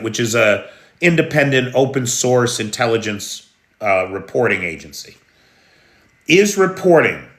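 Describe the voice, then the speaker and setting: An American news livestream host speaks slowly from an echoey room in Kyiv during an air alert. His medium-pitched voice has a bright, forceful edge, and he takes his time answering viewers' comments as they come in.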